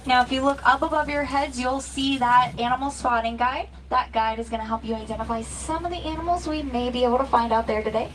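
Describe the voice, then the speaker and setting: A woman with a fairly high voice works as a safari guide. She delivers a practiced tour narration, welcoming riders and pointing things out as she goes. She is from Texas and speaks from an outdoor safari truck. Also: fairly even intonation, fast talker, hardly any pauses, a bit bright, a little hiss or hum, poor audio. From Dallas, Texas. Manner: welcoming, addresses riders as friends. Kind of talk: scripted tour narration with spiels.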